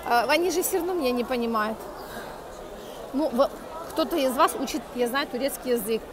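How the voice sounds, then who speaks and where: Filming on her phone with an earphone mic, a woman walks an outdoor market amid crowd noise, talking to her viewers and bargaining with vendors. Her voice sits high and runs a little fast, and her Turkish carries a Russian-speaker's foreign accent.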